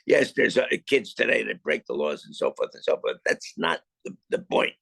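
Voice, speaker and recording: An older man telling his own story in a video-call interview, halting with many restarts and repeated words, then landing his points emphatically. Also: low voice, sing-song, gravelly, fairly bright tone, husky, no room sound. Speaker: film subject interviewed about his life.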